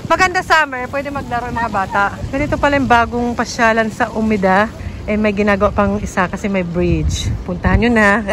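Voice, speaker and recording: Chatty Filipina vlogger on a noisy street. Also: female voice, a little high. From Philippines. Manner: chatty, mixes English words in, quick exclaims. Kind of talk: casual vlog chat. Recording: phone audio with street noise.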